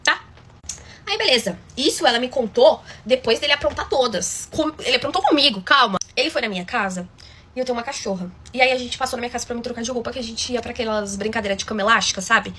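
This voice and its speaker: A woman's voice: on the high side, fast, pushed and bright, husky. A woman telling a story in a chatty, dramatic way, often calling out to her listeners. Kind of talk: casual storytime.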